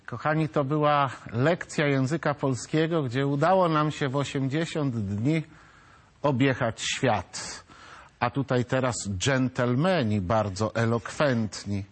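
A woman presenter interviewing schoolchildren with friendly, coaxing questions. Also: deep voice. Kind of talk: interviewing pupils.

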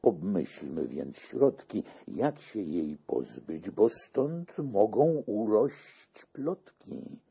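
Man voicing a scolding old monk, earnest, gravelly, very dark. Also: fairly low pitch, big pitch swings, very slow, few pauses, exaggerated voice. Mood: urgent. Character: scheming older male monk, urgent and scolding.

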